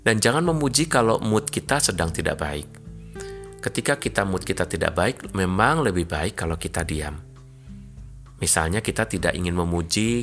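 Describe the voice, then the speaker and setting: Brief: very low-voiced male preacher, measured and calm, faint music underneath. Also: vocal fry. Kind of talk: sermon.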